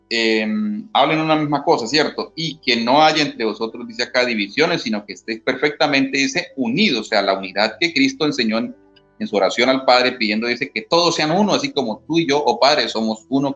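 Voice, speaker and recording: Over dull lo-fi audio and faint guitar music, a man from Colombia with a mid-range, slightly bright voice talks as an interview guest. Once a church member, he explains Bible passages in a teacherly manner, reads scripture aloud and keeps asking "¿sí?".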